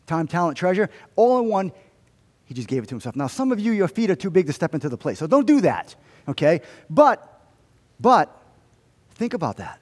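A middle-aged man preaches in a church sanctuary, his voice a little higher than most men's. He moves between hushed storytelling and emphatic declarations, and a long hall reverb carries every word. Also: very animated, moderate pace. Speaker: pastor. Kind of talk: sermon with prayer.

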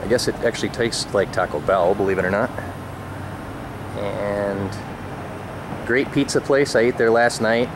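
A man in his thirties gives a relaxed, wry walking tour, talking while he walks outdoors with a handheld camera. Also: lowish voice, a little slow, pauses often. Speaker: vlogger. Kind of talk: casual walking-tour narration. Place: outdoors on sunny island streets. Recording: outdoor camera audio with street noise.

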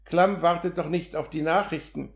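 Barnabas, a man reading a gentle messenger. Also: a little high, normal speed, gravelly. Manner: gentle, calm and unruffled. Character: meek young male village messenger. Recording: roomy echo.

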